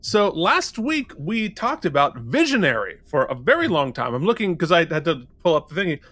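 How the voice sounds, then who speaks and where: A man's voice: on the high side, sing-song, moderate pace, a bit bright, no room sound. A man in his forties co-hosting a podcast, chatting casually, playful and joking as he reads out listener ratings. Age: 40s. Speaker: podcast co-host.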